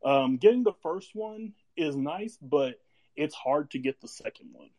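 A man's voice: fairly high pitch, animated, measured pace, warm tone, dry recording. An American man giving casual, rambling sports analysis as a guest on a live audio chat.

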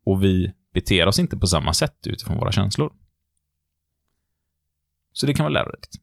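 A man tells stories in a relaxed podcast chat. He is a lecturer and acts out what people said in his stories. The sound is close and dry, with no room echo. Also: deep voice, creaky. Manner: lively storyteller who acts out the quotes. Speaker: lecturer on behaviour and body language. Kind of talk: casual podcast chat, storytelling.

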